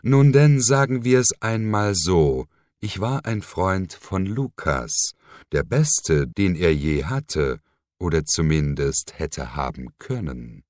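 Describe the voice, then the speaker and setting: A man's voice: deep voice, very animated, slow pace, darkish tone, dry recording, clean studio sound, exaggerated voice. A man voicing a mocking, menacing villain who sneers and hisses, in an audiobook reading. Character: mocking sinister man, cold cult leader.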